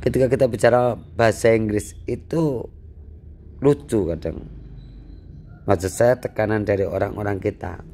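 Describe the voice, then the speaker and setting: A man teaching a free English lesson, lively, asking and answering his own questions and repeating key phrases for emphasis. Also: fairly low pitch, moderate pace, pauses often, a little hiss or hum.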